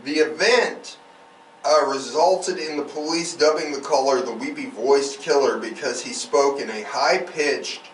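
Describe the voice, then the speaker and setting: Reading case notes on his true crime podcast, a man with a mid-range voice keeps a measured pace and adds irreverent, profane, offhand comments. The mic sounds distant and roomy, with faint noise behind him.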